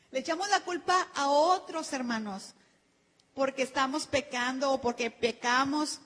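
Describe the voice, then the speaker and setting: A woman pastor preaches to her congregation, her voice pitched high and lively as she acts out everyday excuses. The sound carries a long reverb tail from a church hall. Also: takes it slowly, pauses often. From Mexico. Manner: animated, acts out excuses in quoted voices, addresses congregation as "hermanos". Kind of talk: sermon. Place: church sanctuary.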